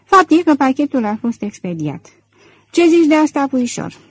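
Woman voicing a suave gentleman thief. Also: high-pitched, sing-song, voice pushed up, rough recording. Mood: mocking. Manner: self-assured, cool and controlled. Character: suave middle-aged male gentleman thief. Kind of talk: audiobook character reading.

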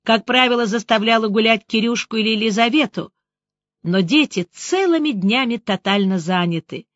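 A woman reads a novel aloud in a fairly high voice, shifting briskly into the characters' lines. The sound is dry and close, with a slightly dull, muffled tone from a small booth. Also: no echo. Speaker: audiobook narrator. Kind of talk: audiobook reading with character voices.

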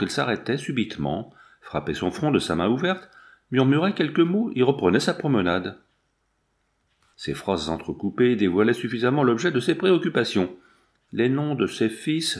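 Lively male audiobook narrator. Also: mid-range voice. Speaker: audiobook reader. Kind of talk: scripted narration of a novel.

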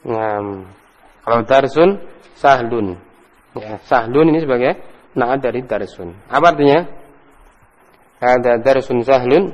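This medium-pitched man talks at a measured pace with frequent pauses, and the recording has its highs cut off. He teaches Arabic grammar in a mosque study hall, correcting students patiently and praising them a lot, with long hall reverb around him.

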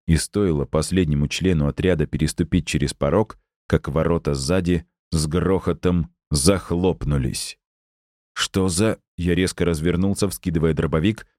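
A man narrating a first-person science fiction story as an audiobook reader, in a steady storytelling manner. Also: extremely low pitch, normal speed, hardly any pauses, no room sound, studio quality.

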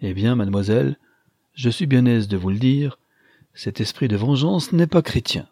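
A man's voice: mid-range voice, lively intonation, moderate pace, darkish tone, slightly rough, no echo, clean studio sound. A man reading an audiobook, voicing a young engineer who banters playfully. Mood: teasing. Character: young male engineer, teasing and gallant.

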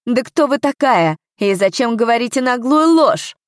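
A woman's voice: on the high side, expressive, normal speed, no echo, studio quality, pitched above the performer's own voice, natural voice. A woman voicing an angry middle-aged male town mayor who barks his words. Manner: barking, angry.

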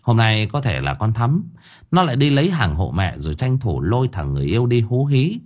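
A man narrating an audiobook in a husky voice with lively storytelling delivery. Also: mid-range voice, a little fast. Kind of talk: scripted narration.

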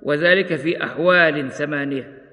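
A man teaching a tajweed lesson, explaining rules in a measured way and slowing down to recite examples. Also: fairly high pitch, pushed and bright. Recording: long hall reverb.

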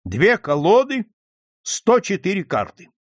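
A man's voice: high-pitched, wildly swooping pitch, measured pace, dry recording, studio quality, voice pushed up, full character voice. A man reading an audiobook, voicing a formal male club steward who counts aloud and speaks with authority.

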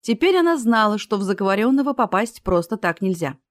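A woman's voice: mid-range voice, very animated, fairly quick, dry recording. Woman narrator for fantasy audiobook, dry close-miked sound.

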